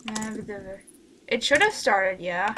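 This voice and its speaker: A woman with a medium-pitched, expressive voice speaks a little slowly over a noisy background. She hosts a casual livestream on a voice call as the leader of an amateur radio play group, and her informal, rambling talk has a bossy streak.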